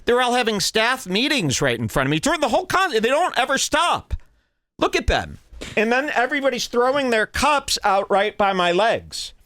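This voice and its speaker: A man's voice: very high-pitched, sing-song, moderate pace, pushed and bright, dry recording. A man hosting a podcast, telling a comedic story in an exaggerated, indignant way. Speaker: podcast host.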